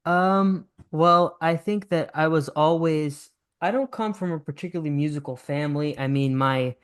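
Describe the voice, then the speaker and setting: A man's voice: on the high side, moderate pace, smooth. A nineteen-year-old man, a podcast guest, talking in an easygoing, enthusiastic way full of fillers. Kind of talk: casual interview chat.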